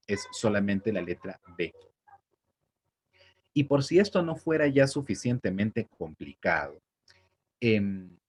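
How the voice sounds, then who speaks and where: A man's voice: on the low side, darkish tone, slightly rough. A young man, explaining spelling in a patient, conversational way and checking that the listener follows. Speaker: teacher. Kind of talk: spelling lesson.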